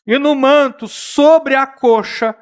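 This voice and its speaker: A man from Brazil preaching an expository sermon as a pastor, acting out the lines he quotes with big rises and shouts, then dropping to slow, quiet emphasis. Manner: dramatic, acts out quoted voices with rising pitch and shouts; drops to quiet, slow emphasis at key points. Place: church.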